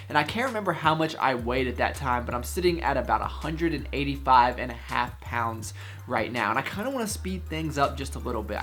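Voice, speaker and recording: A man's voice: medium pitch, fairly bright tone. Chatty young man vlogging over faint music. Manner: chatty and upbeat, self-mocking asides. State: out of breath after lifting. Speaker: fitness vlogger. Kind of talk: casual vlog talk to camera. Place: home gym.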